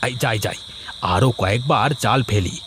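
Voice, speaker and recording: A man's voice: medium pitch, moderate pace, noisy background, close to an everyday voice. Sly lazy village guy plotting under his breath, cartoon story, man voicing. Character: lazy, scheming young village husband. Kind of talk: cartoon voice acting.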